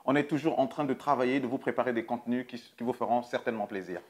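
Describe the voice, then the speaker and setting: A man's voice: medium pitch, racing, darkish tone. A middle-aged man from the Republic of the Congo co-hosting a casual chat with his daughter, talking hesitantly with many fillers and repeats. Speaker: nurse and co-host.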